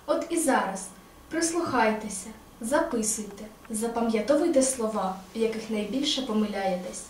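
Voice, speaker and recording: A woman recites in an emphatic, instructive way at a school event, repeating words for listeners. Her voice is on the high side. It comes from afar in an echoey hall with a faint hiss. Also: lively intonation, moderate pace, distant mic.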